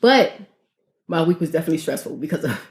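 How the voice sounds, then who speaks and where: A woman co-hosting a podcast, telling stories in a casual, animated, slangy way and laughing often. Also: deep voice, quick pace. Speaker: podcast co-host. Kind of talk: casual chat. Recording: echoey room.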